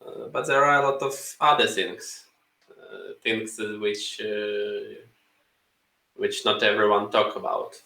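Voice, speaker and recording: A man from Ukraine, in English, co-hosting a casual podcast and talking in a halting way with many fillers. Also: lowish voice, steady tone, vocal fry, bright, forceful tone, echoey room, low-quality recording. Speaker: podcast co-host. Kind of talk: casual chat.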